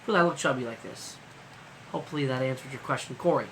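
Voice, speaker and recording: A man's voice: medium pitch, fast talker, a bit bright, slight background noise, poor audio. A man hosting a casual live stream as a trucker, rambling loosely with lots of fillers and casual swearing, sleepy and yawning.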